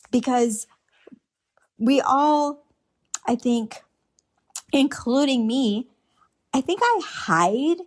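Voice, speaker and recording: A middle-aged woman with a slightly high, darkish voice hosts a solo podcast. Her reflective monologue is earnest and unscripted, full of restarts and rhetorical questions.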